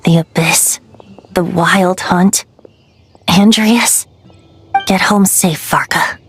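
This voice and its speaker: An actress voicing a composed, wry and thoughtful woman in a video game, measured and gently teasing. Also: fairly low pitch, steady tone, faint music behind. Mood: pensive.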